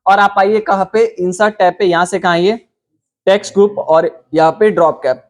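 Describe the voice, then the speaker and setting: A young man from India leads a computer lesson in a raised, high-pitched voice. He explains each step patiently and keeps turning to his students with quick rhetorical questions. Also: fairly even intonation. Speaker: computer teacher. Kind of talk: classroom lesson.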